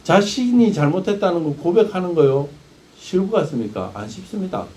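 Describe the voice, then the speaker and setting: A man's voice: high-pitched, very animated, a little fast, warm tone, a little hiss or hum. A male pastor preaching a sermon, firing rhetorical questions at the congregation.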